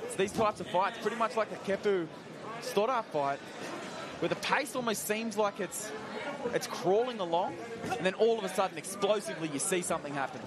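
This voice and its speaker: A man's voice: sits high, brisk. A man giving live play-by-play and analysis as a commentator at a cage fight. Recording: loud crowd behind the commentary.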